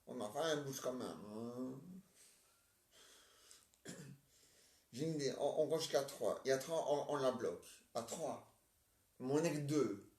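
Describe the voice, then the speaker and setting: Slow, stammering man in a roomy space. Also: medium pitch, darkish tone. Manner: halting, stammering repeats of words. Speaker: amateur stage performer. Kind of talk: acting out a comic play, switching roles. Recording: roomy, distant mic.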